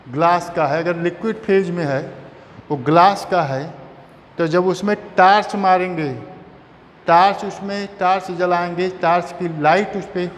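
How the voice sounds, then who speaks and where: A man teaching a chemistry lesson, repeating terms and asking and answering his own questions. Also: high voice. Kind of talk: classroom lecture. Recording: long reverb, faint background noise.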